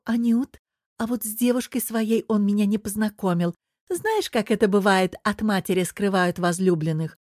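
A woman's voice: medium pitch, normal speed, darkish tone, no echo, studio quality, lightly acted. Woman voicing a weary, guarded woman. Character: weary middle-aged woman, guarded and polite.

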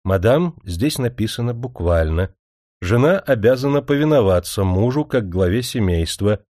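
A man voicing a formal, explaining lawyer in a spoken story, measured and lecturing. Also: medium pitch, warm tone, no echo, studio quality, natural voice.

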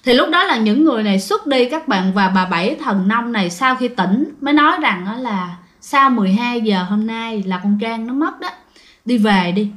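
Give me a woman narrating a ghost story, slightly high voice. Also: expressive, moderate pace, a bit bright. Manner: chatty, addresses listeners directly. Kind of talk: spoken storytelling to listeners.

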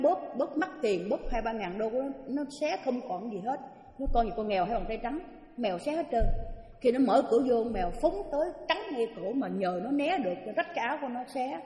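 Chatty Southern Vietnamese nun in an echoey hall. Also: female voice, fairly high pitch, warm tone. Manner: chatty, acts out quoted voices. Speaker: Buddhist nun teacher. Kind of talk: storytelling dharma talk. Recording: echoey hall with long reverb.

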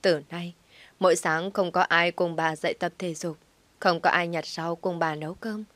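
A woman reading a scripted story aloud with emotional, dramatic delivery and soft whispered passages. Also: fairly low pitch, fairly even intonation, moderate pace, dry recording. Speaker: narrator.

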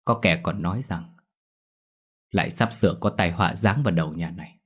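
A man narrating a ghost story in steady scripted storytelling. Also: low voice, a little fast, breathy edge.

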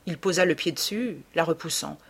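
A woman narrates a classic novel for an audiobook with measured, dramatic pacing. Her voice is lowish and slightly husky, with a breathy texture. She keeps a steady storytelling tone throughout.

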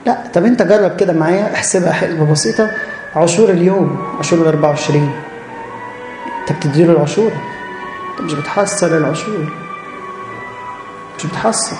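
Quick, earnest Egyptian preacher. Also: male voice, a little high, roomy sound, music in the background. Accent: Egyptian Arabic. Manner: earnest, direct, repeats phrases for emphasis. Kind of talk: church sermon.

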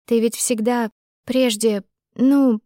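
A woman's voice: fairly high pitch, steady tone, normal speed, dry recording, clean studio sound, close to an everyday voice. A woman voicing an earnest, loving young woman in a romance audiobook, raising her voice eagerly. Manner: bright, eager and pleading.

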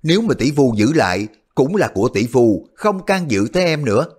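A man's voice: medium pitch, very animated, a little fast, a little mellow, breathy edge, voice pushed up. A man voicing a cunning, playful young woman disciple who talks in a coy, teasing way.

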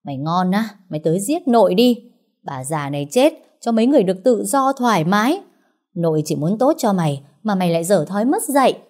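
A woman voicing a domineering old grandmother who shouts and scolds with scorn. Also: medium pitch, expressive, a little fast, natural voice. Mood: furious.

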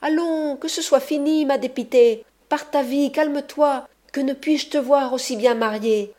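A woman's voice: high voice, measured pace, darkish tone, voice pushed up. A woman voicing a blustering male ruffian. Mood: coaxing. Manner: boastful, threatening. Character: proud hot-tempered male ruffian, blustering. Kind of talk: audiobook reading.

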